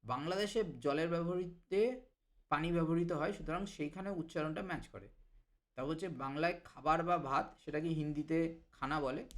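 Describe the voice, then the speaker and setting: A man teaching Hindi vocabulary to Bengali speakers, explaining each word and repeating it slowly. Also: a little high. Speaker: language teacher. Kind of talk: vocabulary lesson.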